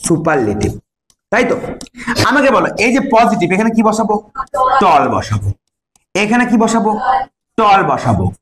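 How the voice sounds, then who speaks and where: A man's voice: sits high, fairly bright tone, reverberant, a little hiss or hum. A male English teacher, teaching grammar in a classroom style, stretching key words and quizzing pupils. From Bengal. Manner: drawn-out, sing-song stretching of key words, asks pupils questions. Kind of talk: classroom lesson explaining grammar.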